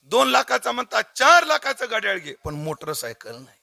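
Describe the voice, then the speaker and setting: A man playing a cautious older father, firm and wary in his refusal. The voice is bright and gravelly, with lively swings. It is dry and close. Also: high-pitched, moderate pace, dry recording, pitched above the performer's own voice, heavily acted.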